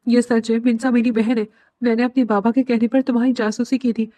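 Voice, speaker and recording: A woman's voice: fairly high pitch, level tone, mellow, no echo, close to an everyday voice. A woman voicing a frightened young woman who pleads through tears. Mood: tearful. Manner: tearful pleading.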